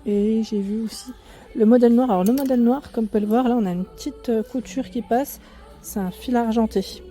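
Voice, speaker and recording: A fast-talking woman with a slightly high voice chats through a clothing store in a casual fashion-vlog walkthrough. She keeps correcting herself and speaks up over loud in-store music, which sounds faint in the background.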